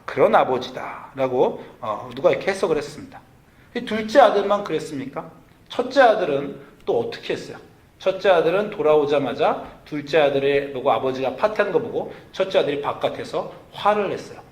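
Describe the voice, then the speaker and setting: A man preaches in a fairly high voice, telling the story and asking his listeners questions. The sound rings around a church hall. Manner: storytelling preacher who acts out quoted lines with sudden loud outbursts; asks the congregation questions directly. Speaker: pastor. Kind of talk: sermon. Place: church sanctuary.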